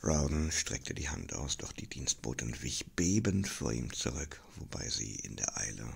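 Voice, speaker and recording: A man reading a fantasy novel aloud as a dramatic audiobook narration, expressive and dropping into whispers at tense moments. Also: a bass voice, moderate pace, creaky, husky. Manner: expressive, drops to whispers for tension. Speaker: audiobook reader.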